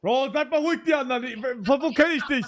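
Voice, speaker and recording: A man's voice: very high-pitched, quick pace. A man chatting casually as a video host with random people online, using slangy street German. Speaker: YouTuber host.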